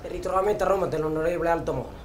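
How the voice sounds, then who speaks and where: An actor playing a young Sicilian man raging against the mafia, swinging from bitter quiet to shouting. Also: a little high, rapid-fire, slight background noise, lightly acted. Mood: bitter, sarcastic. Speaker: auditioning actor. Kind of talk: dramatic audition monologue.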